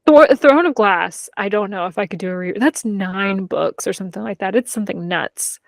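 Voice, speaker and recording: Her voice is creaky and medium-pitched at normal speed, in a dry, studio-quality recording. She's a podcast co-host having a casual, candid book chat with friends, relying heavily on "like."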